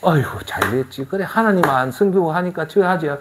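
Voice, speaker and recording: A man doing hushed gossiping village neighbors. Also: on the high side, lively intonation, brisk, noisy background, voice pushed up, natural voice. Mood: gossipy. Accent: Gyeongsang Korean.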